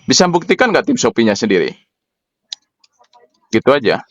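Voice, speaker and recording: A man argues a complaint on a phone call. His mid-pitched voice is insistent, and he repeats himself and presses with questions. The sound is slightly muffled. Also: sing-song, normal speed, dry recording. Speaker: caller, an online seller with a complaint.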